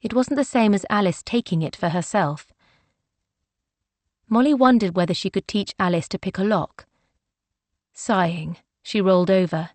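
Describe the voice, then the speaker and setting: A woman reading a romance novel aloud in a measured, gentle manner. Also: medium pitch, no room sound. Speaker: audiobook narrator. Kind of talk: scripted narration.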